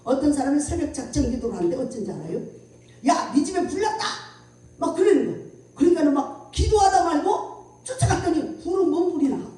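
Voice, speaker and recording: A woman pastor giving a revival sermon with a personal testimony, telling it in an animated way, acting out voices and laughing often, recorded from far off in an echoey hall. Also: high voice, fast talker. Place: church prayer house at a revival meeting.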